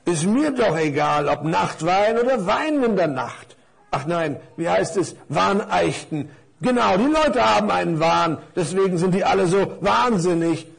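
A man's voice: high voice, animated, moderate pace, creaky, breathy edge, exaggerated voice. Man doing a dim, puzzled thick scarf. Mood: muddled. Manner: puzzled, rambling, muddled. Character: thick gift-wrapped scarf, male, slow-witted.

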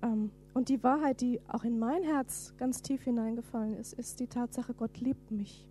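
Female preacher, high-pitched, dramatic scripture reading with whispered asides. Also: normal speed, a little hiss or hum. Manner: animated, reads scripture dramatically, drops to whispers. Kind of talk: sermon.

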